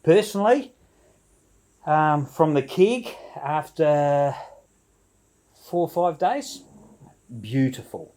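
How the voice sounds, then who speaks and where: Mellow, chatty man talking homebrew-vlog style. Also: on the high side, animated, slow, pauses often. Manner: chatty, jovial, informal slangy talk. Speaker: homebrew video blogger. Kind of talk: casual rambling chat to camera.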